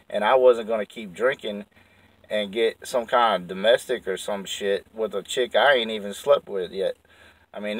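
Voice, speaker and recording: A man's voice: mid-range voice, no echo, far from the mic, poor audio. Profane rambling man telling a story. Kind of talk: casual storytelling.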